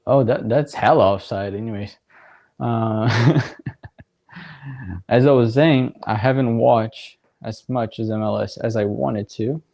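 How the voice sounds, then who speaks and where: A young man hosts a livestream watchalong of a soccer match, his mid-range voice slow and creaky. His casual live commentary is relaxed and rambling, full of fillers and frequent little laughs.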